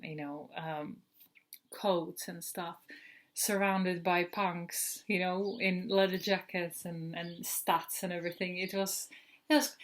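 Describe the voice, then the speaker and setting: Slow, chatty woman from the Republic. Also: on the low side. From Czech Republic. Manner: chatty, rambling, many fillers and restarts. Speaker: perfume vlogger. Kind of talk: casual perfume review vlog.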